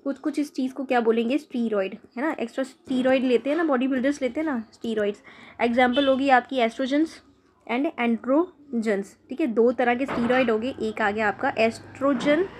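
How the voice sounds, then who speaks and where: A woman's voice: high-pitched, normal speed, a little mellow, slight background noise. A young woman teaching chemistry in a casual lecture, repeating terms and spelling them out letter by letter. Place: sitting downstairs with traffic outside.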